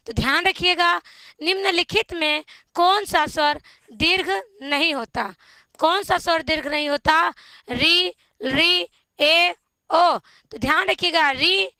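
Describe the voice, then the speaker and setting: A woman teacher going through exam questions slowly, repeating each option and asking viewers to answer before giving it. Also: very high voice, pushed and bright, dry recording. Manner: slow, repetitive quizzing of viewers. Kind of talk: exam-prep lesson on Hindi grammar.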